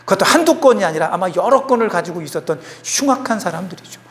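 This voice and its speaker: A man preaches a sermon in a high, clear voice, emphatic and given to acting out the quotes he tells. He is recorded in a church sanctuary, where a long reverb lingers after his words. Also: animated, fast talker, fairly bright tone. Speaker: pastor.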